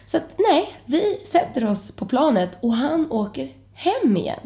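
A young woman telling a chaotic travel story in a casual chat, her voice jumping high as she acts out the panic. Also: vocal fry. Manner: animated, jumps to high excited pitch when retelling panic. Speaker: podcast host.

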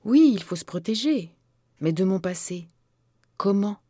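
A woman's voice: mid-range voice, steady tone, normal speed, close to an everyday voice. A woman voicing a troubled young woman's anxious inner thoughts in an audiobook. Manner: soft, inward, anxious.

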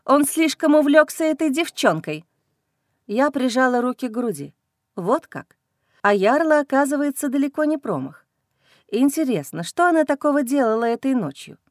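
A woman reading a first-person novel aloud in a wry, lively way. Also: high-pitched, moderate pace, no room sound, clean studio sound. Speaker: audiobook narrator.

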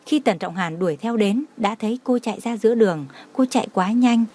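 A woman narrating an emotional audio story in a steady, dramatic reading manner. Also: fairly high pitch, a little fast.

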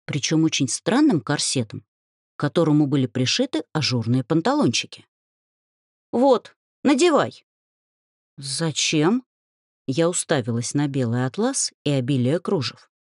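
A woman narrating a first-person audiobook with a lively, expressive reading. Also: deep voice, brisk, no echo, studio quality.

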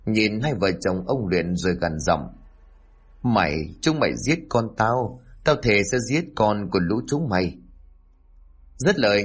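Low, husky male narrator for a somber ghost story. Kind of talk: scripted horror narration.

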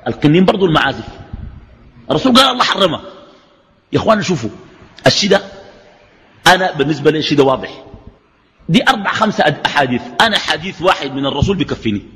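A man's voice: fairly high pitch, big pitch swings, racing, long pauses, fairly bright tone. A man with a Sudanese Arabic accent teaching a religious lesson, arguing through a stream of rhetorical questions. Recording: echoey hall reverb.

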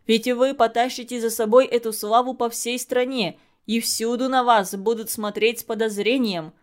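A burly, bullying middle-aged man barks his words at full volume, coarse and impatient, voiced by a woman reading the story. The voice sits fairly high for a man. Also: steady tone, normal speed, natural voice. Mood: scolding. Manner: shouting, coarse.

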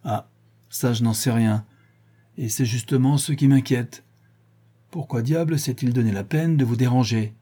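A man reading aloud and voicing a curt, imperious English detective who scolds with sharp questions. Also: mid-range voice, normal speed, husky, close to an everyday voice. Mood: worried.

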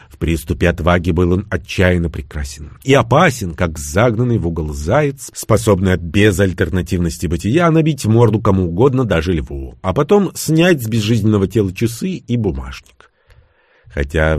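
A man narrating an audiobook as a lively, wry storyteller. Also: sits low, slightly rough, no room sound, clean studio sound. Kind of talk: scripted narration.

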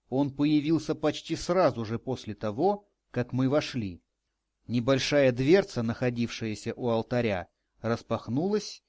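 A man narrating a first-person audiobook in a measured, wry storytelling manner. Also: mid-range voice, darkish tone, dry recording.

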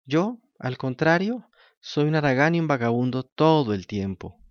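A man voicing a cheeky, lazy wooden puppet boy in a high, childlike, pleading voice. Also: sing-song, normal speed, no room sound, highs cut off. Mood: eager. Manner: high pleading childlike voice, stammers when moved.

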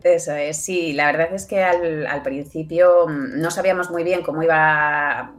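Here the Spanish-accented producer of audio fiction speaks low and unhurried, her intonation fairly even, with faint music behind her. As an interview guest she explains in a relaxed, conversational manner and keeps checking in with brief tag questions.

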